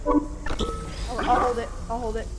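A woman's voice: fairly high pitch, slow, heavy background noise. A woman chatting casually and playfully as she plays a co-op game, given to silly exclamations. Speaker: co-op game player. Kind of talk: casual gameplay chat. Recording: game music behind the voice.

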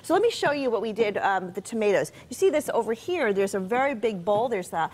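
A woman's voice: mid-range voice, animated, quick pace, a little mellow. A middle-aged woman cooking instructor walking through a recipe step by step on a TV studio kitchen set, friendly and explanatory. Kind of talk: cooking demonstration on a TV show.

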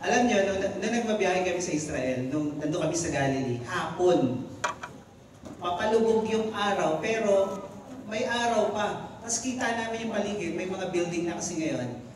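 A man delivers an animated sermon, his voice pitched high and full of energy. It is recorded from far back in the congregation, so it rings with the long reverb of a big hall. A faint hiss of room noise sits underneath. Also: moderate pace. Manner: animated preaching, switching between Tagalog and English. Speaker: pastor. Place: church hall. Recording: echoey hall, far from mic.

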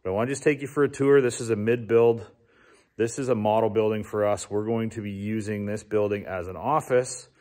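A man's voice: on the low side, fairly even intonation, a little fast, a little mellow. A middle-aged man from Ontario, a builder chatting casually and easily as he walks through a small wooden building under construction. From Ontario, Canada. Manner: chatty, easygoing, with filler restarts. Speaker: builder and small business owner. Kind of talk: casual walking tour vlog.

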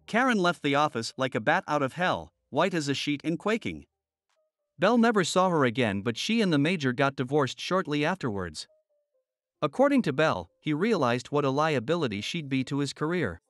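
A man narrating workplace and army stories in a steady scripted storytelling voice, lightly voicing the people in them. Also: fairly high pitch, normal speed, dry recording, studio quality, soft background music.

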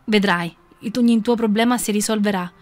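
A woman voicing a calm, kindly old male village sage who speaks with assurance. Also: medium pitch, brisk, close to an everyday voice.

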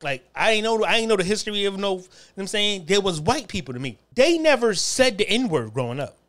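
A podcast host from New Haven, Connecticut tells profane, streetwise stories in a casual monologue full of frequent asides. His voice is high-pitched and a bit bright, and he talks fairly quickly with lots of animation.

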